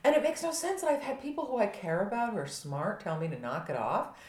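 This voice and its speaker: A middle-aged woman chatting casually as a podcast co-host, telling personal stories in an earnest, halting, self-deprecating way. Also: on the high side, big pitch swings, darkish tone. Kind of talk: casual chat. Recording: echoey room.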